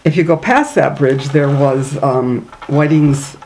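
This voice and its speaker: A woman's voice: low voice, slow, darkish tone, slight background noise, low-quality recording. An older woman from northern Minnesota with a Minnesota accent, telling stories in an oral history interview, chatty and laughing between them.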